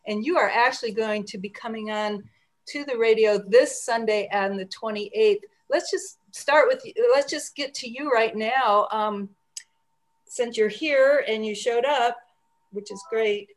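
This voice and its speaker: A woman with a fairly high voice hosts a radio conversation. She is encouraging and appreciative, talking to her guests in an easy interview style. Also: unhurried. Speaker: radio station host interviewing programmers. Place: remote group video call.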